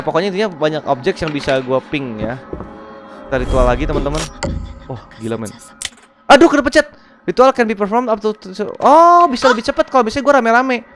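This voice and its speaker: A young man giving excitable, slangy let's-play commentary as a gaming YouTuber, reading game text aloud. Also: sits high. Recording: music playing behind.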